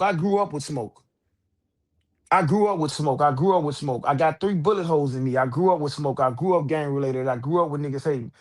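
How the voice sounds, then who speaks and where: A man with a notably high voice talks straight to his viewers over livestream headset audio. His delivery is loose, slangy and fired up, with the unpolished feel of a home stream. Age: adult with several children. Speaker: livestream host. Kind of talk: casual livestream talk.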